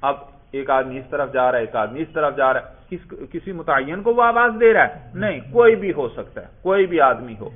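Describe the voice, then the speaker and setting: Male grammar teacher, somewhat high voice, answers his own questions, tinny phone-quality sound. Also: lively intonation, hardly any pauses. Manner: asks questions and answers them himself. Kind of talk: explaining a text line by line.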